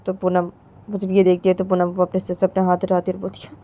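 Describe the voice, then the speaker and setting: A woman's voice: lowish voice, completely flat delivery, quick pace, dark tone. A woman narrating a family story casually, repeating her connecting phrases. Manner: repetitive, filler-laden narration.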